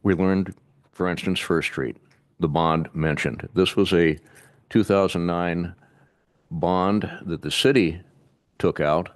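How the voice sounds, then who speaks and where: A man on city staff giving a measured, methodical briefing to a public board, now and then pausing to restart a phrase. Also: a bass voice, dry recording, studio quality. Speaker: city staff presenter to an urban renewal board. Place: city board meeting room.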